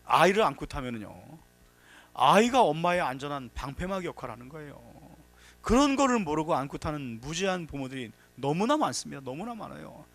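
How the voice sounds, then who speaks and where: Lively storytelling man lecturing. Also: a little high, a little fast, no echo, faint music behind. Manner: storytelling, acts out quotes, emphatic warnings. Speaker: safety lecturer. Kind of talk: lively workshop lecture with anecdotes. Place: workshop hall.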